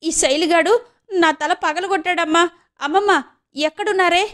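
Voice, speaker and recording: A woman voicing a fiery, stubborn teenage girl who shouts defiantly. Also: sits high, animated, brisk, pitched above the performer's own voice. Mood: furious.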